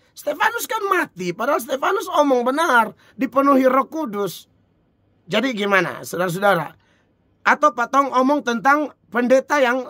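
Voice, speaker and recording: Man, preacher, informal sermon, high voice, dry recording. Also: no room sound. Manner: rhetorical questions, chuckling, lively.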